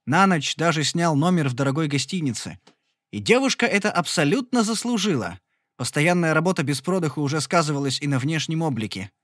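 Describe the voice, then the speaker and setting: A man narrating a first-person fantasy audiobook in an expressive, exasperated storytelling manner. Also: fairly high pitch, dry recording, studio quality.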